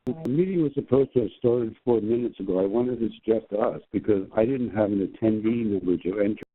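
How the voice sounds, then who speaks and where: A man on a conference call line, talking quietly and casually as a meeting participant, wondering aloud who else has joined. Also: on the low side, fairly quick. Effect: heard over a conference call phone line.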